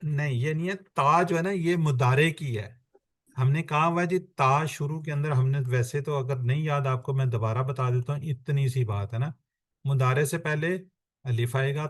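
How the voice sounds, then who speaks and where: A male teacher at a mid-range pitch leads an online grammar lesson, speaking over a computer mic on a video call. He repeats each point patiently and slowly builds it up step by step, then calls on students one at a time.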